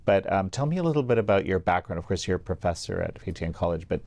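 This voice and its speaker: A man hosting an interview who asks questions in a relaxed, conversational way. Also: deep voice, fast talker, creaky, no room sound. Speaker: interviewer, host.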